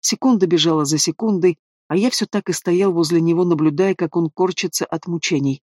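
A man reading a fantasy story aloud in the first person, with steady storytelling delivery. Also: a little high, fairly quick, no echo, clean studio sound. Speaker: audiobook narrator. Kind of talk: scripted first-person narration.

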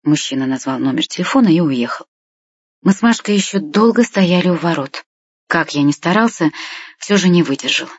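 Woman narrator, audiobook reading, low husky voice, dry dull recording. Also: dry recording. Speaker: audiobook reader. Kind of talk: first-person story narration.

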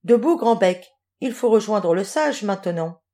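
A woman voicing an excitable, easily frightened little boy in a children's audiobook. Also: mid-range voice, unhurried, close to an everyday voice. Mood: eager. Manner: eager, exclaiming.

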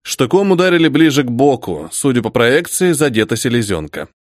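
A man reading a first-person audiobook in a dramatic, expressive manner. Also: medium pitch, fairly quick, no room sound, studio quality. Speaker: audiobook narrator.

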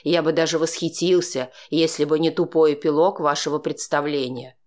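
A cruel, jealous drunk man sneers and threatens in a low, mocking voice, as a woman puts him on. The audiobook reading lowers the tone, menacing even in quieter lines. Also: normal speed, lightly acted. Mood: menacing sneering.

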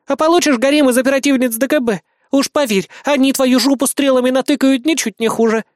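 A man reading an audiobook and voicing a brash, sharp-tongued young woman who scolds and mocks. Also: very high voice, very animated, moderate pace, no room sound, clean studio sound, pitched above the performer's own voice. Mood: indignant. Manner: scolding and mocking.

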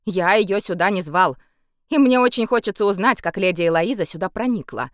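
A weary, level-headed nobleman answers calmly and dryly, as a woman reader plays him. The reading sounds close and dry, with a lively intonation. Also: medium pitch, fairly quick, no room sound, lightly acted. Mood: irritated. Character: tired, level-headed male noble, the emperor's cousin. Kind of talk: audiobook character voice.

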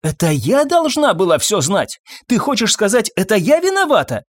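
A man voicing a sharp-tongued, impatient middle-aged woman who scolds and snaps, in a lifted voice. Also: a little high, big pitch swings, moderate pace, no echo, clean studio sound. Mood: scolding.

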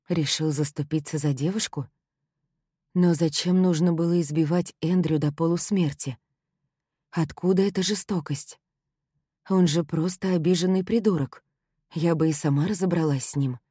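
A woman narrates a first-person audiobook in an even, storytelling delivery. Her voice is low and mellow. It sits close and dry, with no room around it. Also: husky, no echo.

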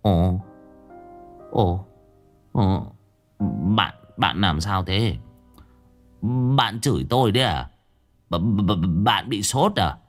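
A man's voice: medium pitch, sing-song, a little slow, faint music behind, voice pushed up. A man voicing a rowdy, nagging drunken village neighbor in a spoken ghost story. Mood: whiny. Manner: loud, nagging, slurring banter.

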